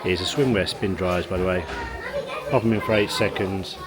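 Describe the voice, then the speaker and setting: Over a noisy crowd, a man with a deep, steady voice chats casually to camera at a moderate pace for his family vlog. He rambles and chuckles between remarks, first in an outdoor car park and then at a leisure pool, with the handheld recording picking up loud background noise.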